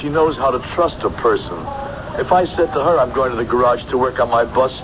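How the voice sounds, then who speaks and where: A man's voice: mid-range voice, brisk, natural voice. A man acting a defensive, dreamily obsessed husband, earnest and insistent, in old-time radio drama style. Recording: muffled, noisy old radio recording.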